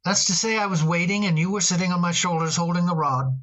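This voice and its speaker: A man acting in an old radio drama as a tender father talking fondly to his daughter, gentle and a little halting. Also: sits high, lo-fi sound.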